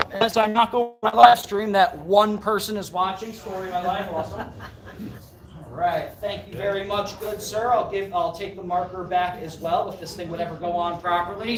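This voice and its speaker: A woman's voice: mid-range voice, normal speed, crowd noise. A woman performing a live mind reading act, with playful, self-deprecating, off-the-cuff patter for her audience. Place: live performance venue, indoors. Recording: echoey live venue, distant mic, faint noise.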